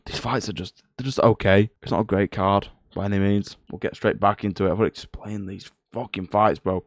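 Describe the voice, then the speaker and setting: Young roadman guy doing fight picks, talks quick, lowish voice, sweary and fed up. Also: no room sound, clean studio sound. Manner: flat, low-energy, grumbling. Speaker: MMA prediction video host. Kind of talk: casual fight commentary.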